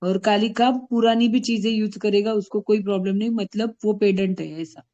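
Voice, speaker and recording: Mellow-voiced woman explaining a medical case. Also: mid-range voice, fairly even intonation, normal speed, dull audio. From Maharashtra, India. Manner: thoughtful, explanatory, self-correcting. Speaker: homeopathic doctor presenting a case. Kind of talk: online case discussion.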